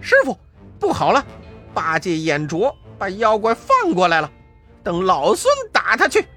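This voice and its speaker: A storyteller voicing a fierce, hot-tempered monkey king hero who shouts in a shrill voice. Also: big pitch swings, a little slow, faint music behind. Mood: urgent. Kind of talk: storybook character voice.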